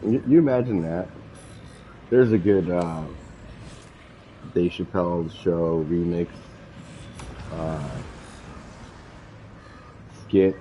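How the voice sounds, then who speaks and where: A man's voice: sits low, slow, pauses often, warm tone, muffled recording, slight background noise. A young adult man in casual chat while gaming, cracking crude jokes and laughing often. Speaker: gamer.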